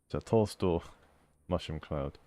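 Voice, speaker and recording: As host of a role-playing game playthrough, a man reads the game's text out loud and talks through his thoughts, chatty and amused. His voice is low at a measured pace, with no echo.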